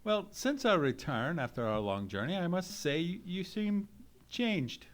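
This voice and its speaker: A man's voice: sits high, sing-song, a little slow. A man playing a genteel, courteous doctor and loyal companion in an old-time radio mystery, speaking in formal Victorian phrases. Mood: puzzled, concerned. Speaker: narrator and actor in a live radio play. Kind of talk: old-time radio drama acting, storytelling. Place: live performance in a theatre.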